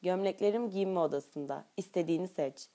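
A woman voicing a confident, commanding young man in an audiobook, speaking in a low, intimate murmur. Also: brisk, mellow, lightly acted. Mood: insistent.

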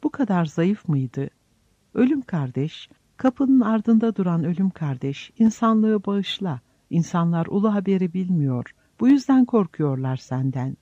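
A man voicing a dying, gentle old friar who speaks in soft, solemn farewells, in a slightly dull lo-fi audiobook recording. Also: sits high, very animated, unhurried, no room sound, voice pushed up, exaggerated voice. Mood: tender farewell.

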